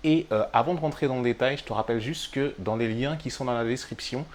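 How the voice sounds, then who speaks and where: Male host, French accent, chatty live-stream teacher, mid pitch. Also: fast talker. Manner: chatty and direct, addressing viewer as tu, frequent euh fillers. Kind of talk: live-streamed English tips. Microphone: webcam or phone of a live stream.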